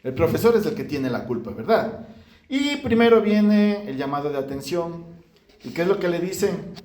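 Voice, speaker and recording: High-voiced male pastor preaching in echo. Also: moderate pace. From Ecuador. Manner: lively preaching, acts out pleading prayers. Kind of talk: sermon. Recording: echoey church room.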